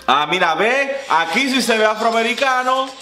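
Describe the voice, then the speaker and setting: A man giving playful, bawdy reaction commentary as a drag queen, laughing often and swinging between high squeals and low purrs. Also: lively intonation, moderate pace, echoey room, music in the background.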